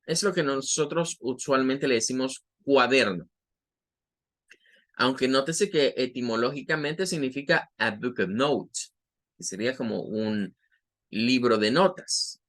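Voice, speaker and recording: A man's voice: mid-range voice, a bit bright. A man with a Salvadoran Spanish accent teaching English vocabulary, patiently explaining pronunciation step by step and repeating sounds.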